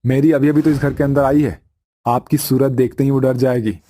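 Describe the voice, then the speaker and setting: Loud brash young husband, cartoon, voiced by a man, raised pitch, dark tone. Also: steady tone, brisk, lightly acted. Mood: rude. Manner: loud, calling out.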